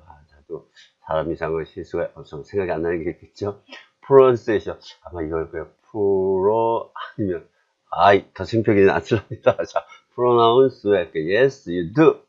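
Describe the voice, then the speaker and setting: A man with a Korean accent teaching English grammar, chatty and self-deprecating, drilling phrases slowly. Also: low voice, lo-fi sound. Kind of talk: classroom grammar lesson.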